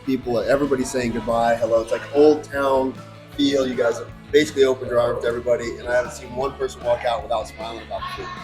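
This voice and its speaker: A man's voice: mid-range voice, flat delivery, quick pace, over music. A man hosting a food show, chatting enthusiastically in a barbecue restaurant. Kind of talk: casual chat while eating.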